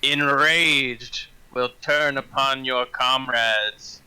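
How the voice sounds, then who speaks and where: A man's voice: mid-range voice, fairly even intonation, drawn-out words, bright, forceful tone, smooth, low-quality recording. A man running a tabletop fantasy game as game master, narrating scenes and calling out rolls.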